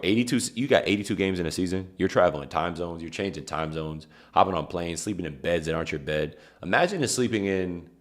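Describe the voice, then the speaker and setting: Very deep-voiced man chatting loosely. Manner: rambling, loose slang and self-corrections. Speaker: podcast host. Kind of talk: casual chat.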